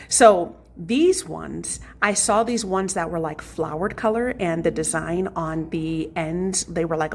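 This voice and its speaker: A woman home vlogger casually telling viewers a story, chatty and animated, often saying "y'all". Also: lowish voice, slight background noise.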